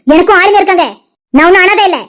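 Woman doing a shrill quarrelsome young wife. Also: rapid-fire, fairly bright tone. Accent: Tirunelveli Tamil. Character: sharp-tongued defiant young wife. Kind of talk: cartoon dialogue acting.

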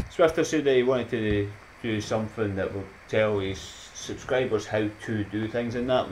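His voice sits low and a little mellow as this Scottish YouTuber, in his thirties, wraps up a vlog with a casual, rambling, upbeat chat to viewers, laughing at his own jokes and offering motivational sayings. He's in a small, dim room at home, and the low-quality recording carries a bit of hiss or hum.

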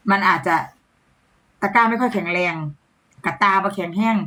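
A woman's voice: mid-range voice, normal speed, pushed and bright, rough recording. Chatty Isan-accented woman selling live. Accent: Isan Thai. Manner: chatty, laughs often, playful. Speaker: livestream seller. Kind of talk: casual live-selling chat.

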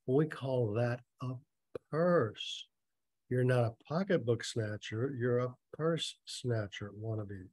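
A man's voice: medium pitch, measured pace, hardly any pauses, a little mellow, no echo. Dry sarcastic man nitpicking a story. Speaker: reader mocking a story. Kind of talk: sarcastic dramatic reading with commentary.

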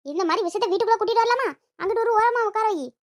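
A woman's voice: very high-pitched, rapid-fire. A woman voicing a bossy old grandmother. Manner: scolding, commanding. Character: bossy traditional old grandmother, mother-in-law. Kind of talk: Tamil village cartoon voice acting.

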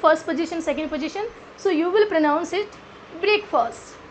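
Lady teacher, very high voice, slow careful drilling, a bit of faint noise behind. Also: low-quality recording. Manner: repeats each word slowly and quizzes the viewer. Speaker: English pronunciation teacher. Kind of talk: pronunciation lesson mixing Hindi and English.

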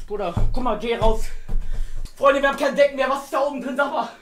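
A young man roars and teases his co-host through a rowdy livestream. His voice sits very high, bright and sharp, and it swings wildly. The room is echoey, with faint crowd noise behind him. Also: fast talker, faint music behind. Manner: loud, shouting and teasing, with swearing. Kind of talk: rowdy livestream banter while gaming.

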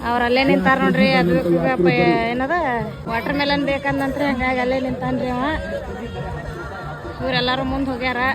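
A woman's voice: high voice, little pitch movement, fairly quick. A woman with a North Karnataka Kannada accent, chatting to her viewers in a casual vlog and pointing things out as she goes. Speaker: vlogger. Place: crowded outdoor village fair. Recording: busy outdoor crowd noise behind.

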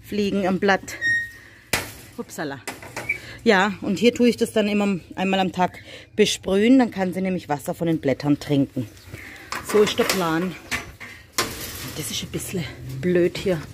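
A woman chatting casually through a vlog as she tends her animals in a farm shed, often cooing softly to them. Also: mid-range voice, a little slow, pauses often, background noise. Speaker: vlogger.

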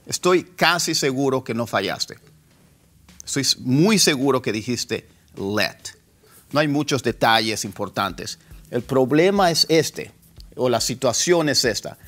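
A man teaching English pronunciation, repeating example words slowly as drills. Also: mid-range voice. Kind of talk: pronunciation lesson.

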